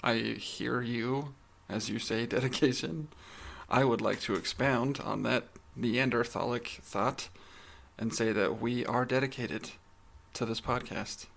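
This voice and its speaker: A man's voice: medium pitch, steady tone, a little slow, gravelly, fairly bright tone. A man co-hosting a podcast in casual chat, with a wry, bantering manner. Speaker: podcast co-host.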